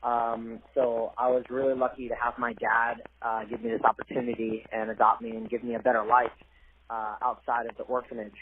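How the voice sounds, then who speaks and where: A young adult man from Cambodia, a college athlete appearing as a guest, talks in a phone interview over a tinny line with faint hiss. Soft-spoken and earnest, he hesitates with fillers, his mid-range voice flat and fairly quick.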